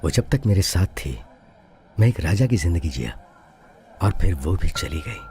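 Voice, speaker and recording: A man's voice: sits low, big pitch swings, moderate pace, mellow. An actor dubbing an aging, honest policeman and bitter widower, mournful and deferential, his voice breaking with tears. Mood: grieving. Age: older. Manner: mournful, deferential, repeats "sir". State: tearful, voice breaking. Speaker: suspended police officer. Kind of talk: dubbed film dialogue.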